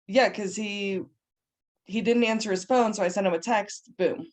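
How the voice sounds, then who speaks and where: A woman real estate agent on a video call, telling a work story in an animated, exasperated way. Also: medium pitch, moderate pace.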